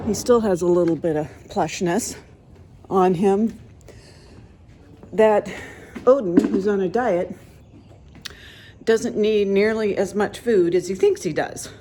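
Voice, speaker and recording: A woman hosting her own podcast, chatting in an unhurried way with frequent ums and pauses, recorded on a phone. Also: mid-range voice, a little mellow, slight background noise. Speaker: podcast host. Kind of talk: casual chat.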